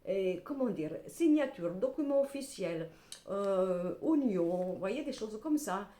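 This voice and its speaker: Talking to camera from what sounds like an echoey, bare room at home, a middle-aged woman reads tarot in an animated, plain-spoken, salty manner, repeating "hein" and "voilà". Her mid-range voice rises and falls widely, though her pace is a little slow.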